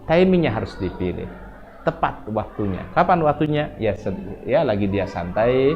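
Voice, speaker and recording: A male preacher talking to women in his congregation. He asks them questions and answers them himself, then drops to a soft, slow murmur before rising again into loud, high bursts. The recording sounds a little dull, with faint ambient noise in the room behind him. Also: sing-song. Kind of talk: sermon.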